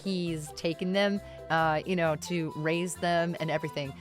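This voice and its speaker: A woman's voice: sits low, fairly even intonation, over music. A woman livestreamer giving casual, slangy reaction commentary in an informal, exclaiming way. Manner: drawn-out amused exclamations, informal slangy talk. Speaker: streamer reacting to a video.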